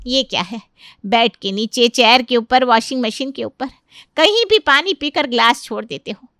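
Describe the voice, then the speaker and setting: A woman's voice: a little high, lively intonation, normal speed, a bit bright, no room sound, clean studio sound. A woman voicing an exasperated middle-aged mother-in-law in a cartoon, complaining and scolding her family. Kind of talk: cartoon voice acting.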